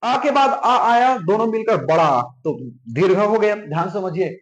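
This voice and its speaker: A man's voice: high-pitched, lively intonation, moderate pace. A man teaching Hindi grammar as an exam coach with a Chhattisgarh Hindi accent, repeating points and checking whether students understand. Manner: repetitive, drilling, keeps asking if it's clear. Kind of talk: classroom lecture. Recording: echoey room, dull lo-fi sound.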